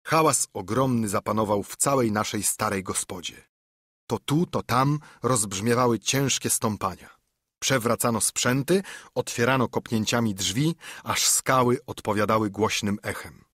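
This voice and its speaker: A male audiobook narrator reads in a steady, measured way, his voice husky at a middle pitch. The sound is dry and close to the mic. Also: no echo. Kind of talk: scripted narration.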